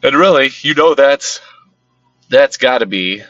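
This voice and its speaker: Soft music plays behind a male card collecting host whose mid-range voice is animated, fairly bright and a little slow. He rambles casually, repeating words, filling gaps, and losing his voice, in a dry but slightly dull lo-fi recording.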